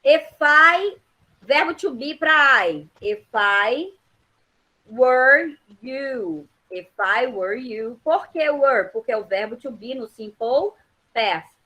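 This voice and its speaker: Slow, patient Brazilian teacher woman. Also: high voice, animated, sharp tone, low-quality recording. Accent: Brazilian Portuguese. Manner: patient, checks understanding with quick questions. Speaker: English teacher. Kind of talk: explaining grammar to a class.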